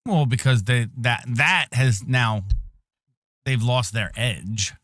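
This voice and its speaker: A man with a whiny, nasal, slightly bright voice of medium pitch co-hosts a podcast, speaking slowly as he chats casually and shares his opinions. His mic is EQ'd, and the studio-quality recording has no echo.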